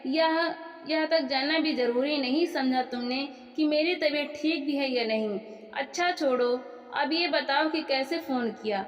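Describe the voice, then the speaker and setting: A woman reading the lines of a proud, quick-tempered young wife in a sharp, indignant tone, recorded in an echoey room. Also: high-pitched, lo-fi sound. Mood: resentful. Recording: echoey room with long reverb.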